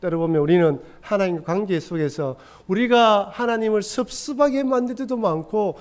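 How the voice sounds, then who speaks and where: In a church sanctuary, a middle-aged man serving as pastor delivers a sermon through earnest storytelling. His voice is high and his speed normal, and he performs the quoted voices as he goes.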